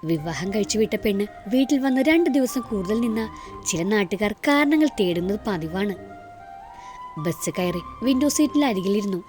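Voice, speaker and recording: A woman reading a scripted romantic audio novel in a gentle, emotive way. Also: medium pitch. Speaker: storyteller. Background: faint background music.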